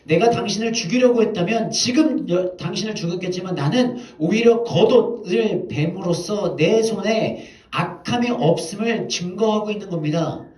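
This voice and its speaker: A preacher acting out a pleading young warrior. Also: male voice, high-pitched, moderate pace, darkish tone, reverberant, natural voice, poor audio. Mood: earnest pleading. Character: pleading young male warrior begging a king.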